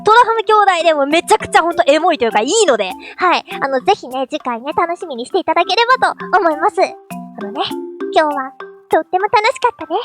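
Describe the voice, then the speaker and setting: A woman's voice: very high-pitched, lively intonation, fast talker, a bit bright, faint music behind. A young woman hosting as a VTuber, chatting playfully and filling her talk with little fillers as she explains cartoon characters. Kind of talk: casual solo talk.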